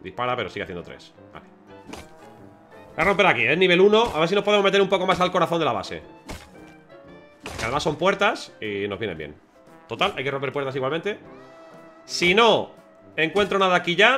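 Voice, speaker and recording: Spanish guy streaming a game, chatty and excitable, bright voice, soft music behind. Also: fairly high pitch. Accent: Spain Spanish. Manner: chatty, excitable, talks to viewers. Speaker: gaming streamer. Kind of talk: live gameplay commentary.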